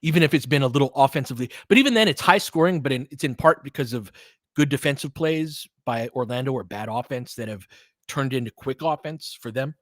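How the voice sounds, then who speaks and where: In a clean, echo-free studio recording, a man with a mid-range voice calls live basketball play-by-play from the fan's side, openly rooting for his team. He sounds animated and talks a little fast, firing off short, clipped, fragmentary play calls.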